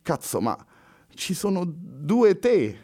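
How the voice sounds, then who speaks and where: A man's voice: a little high, very animated, slow, mellow, breathy edge, pitched above the performer's own voice, exaggerated voice. A man voicing a groggy, bewildered young French man just waking up. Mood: dazed. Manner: dazed, bewildered.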